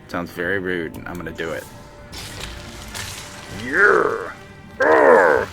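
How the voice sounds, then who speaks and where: A man streaming a game live, excitably talking to his units and chatting with viewers. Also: low-pitched, rapid-fire, soft background music. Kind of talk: live let's-play commentary.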